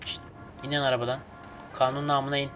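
A man casually commenting on his game as he plays, excitable and swearing at the traffic. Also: mid-range voice, quick pace, faint music behind. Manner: excitable, swears and grumbles at traffic, hums snatches of folk song. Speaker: gaming channel host. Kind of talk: casual let's play commentary.

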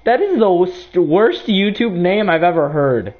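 A man chatting and shouting with friends during an online game, laughing often and getting exasperated. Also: sits high, animated, measured pace. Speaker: gaming channel host. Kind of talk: casual gaming chat with friends. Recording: dull lo-fi voice chat.

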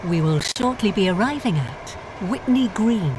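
A woman giving recorded onboard train announcements in a calm, measured, formal manner. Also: medium pitch, a little hiss or hum, low-quality recording.

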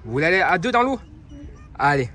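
On a sandy seaside beach, a French father films with a handheld camera and calls out to his daughter, coaxing her over and over and often laughing. His voice is fairly high, very animated, quick, and sharp-toned, narrating a family vlog.

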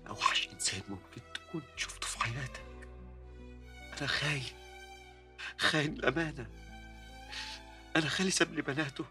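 An actor playing a guilt-ridden man facing execution, confessing his betrayals to a friend in halting, despairing Egyptian Arabic. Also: mid-range voice, lively intonation, music in the background, lightly acted. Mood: anguished.

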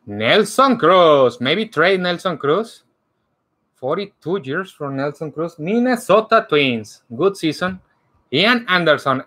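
A man hosting a card break, announcing each card by player and team in a slow, animated way. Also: a little high. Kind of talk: calling out cards during a live card break. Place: indoor room lined with card displays.

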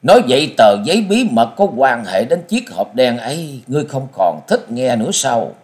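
A man voicing a mysterious old male martial master who speaks coldly and dryly from hiding, with loud, booming laughter. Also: very animated, normal speed, natural voice. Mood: cold, mocking. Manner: cold, dry, booming laughter.

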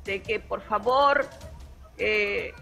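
A woman's voice: mid-range voice, drawn-out words, vocal fry, a bit bright, dull audio, faint music behind. A middle-aged woman, a school principal, answering a reporter outdoors, earnest and pleading with some hesitation. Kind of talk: interview answers. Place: outdoors on a street. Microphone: reporter's handheld microphone.

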